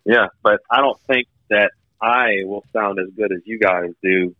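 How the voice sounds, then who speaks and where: A man's voice: a little slow, no room sound. Thin-voiced man on a phone line. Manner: blunt, candid critique, loose with swearing. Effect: thin phone line with no bass. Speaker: podcast guest calling in. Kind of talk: casual phone chat. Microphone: phone speakerphone. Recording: dull, thin phone-call audio.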